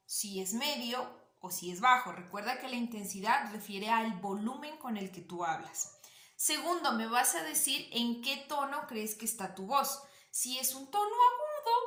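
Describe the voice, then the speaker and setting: A woman with a slightly nasal, high voice teaching a drama class, explaining and asking the listener questions. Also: pushed and bright, echoey room. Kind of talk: online voice lesson.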